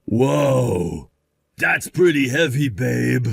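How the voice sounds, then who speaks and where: An actor playing an easygoing young boyfriend who talks in a casual, slangy way. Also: male voice, mid-range voice, sing-song, drawn-out words, vocal fry, dry recording, studio quality, exaggerated voice.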